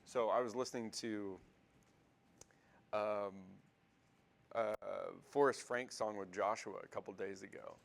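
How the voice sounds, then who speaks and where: A man's voice: fairly low pitch, fairly even intonation, unhurried, long pauses. Guy teaching a bible class, loose and chatty, lots of ums, asks the room stuff. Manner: conversational, many fillers and restarts, asks the class questions. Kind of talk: casual classroom lecture.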